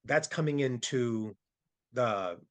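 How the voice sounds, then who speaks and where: Male player, halting, searching for words while explaining his character. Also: medium pitch, lively intonation.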